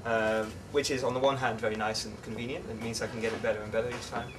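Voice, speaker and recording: A young English-born man raised in the Netherlands, talking as an interview guest in a relaxed, chatty way with many fillers and restarts. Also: medium pitch, fast talker. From England, raised in the Netherlands. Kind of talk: casual interview chat. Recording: distant mic with clear background noise.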